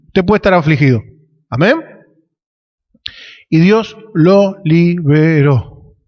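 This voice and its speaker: Argentine male preacher, high voice, long hall echo, peppers the sermon with questions and amens. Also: muffled recording. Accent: Argentine Spanish. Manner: asks the congregation rhetorical questions, frequent "amén".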